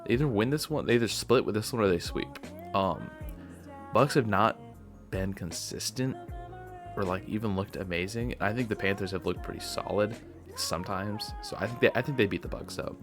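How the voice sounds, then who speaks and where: Man, lowish voice, tired, offhand and rambling, faint music underneath. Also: brisk. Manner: offhand, rambling, self-correcting, yawns while talking. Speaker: sports video host. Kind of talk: casual solo sports predictions.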